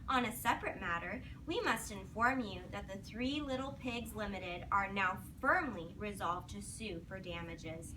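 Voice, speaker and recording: Recorded from afar in a noisy classroom, this woman teacher leads a read-aloud lesson for young children, with simple prompts, questions and praise. Her voice is mid-range, at a normal speed with few pauses.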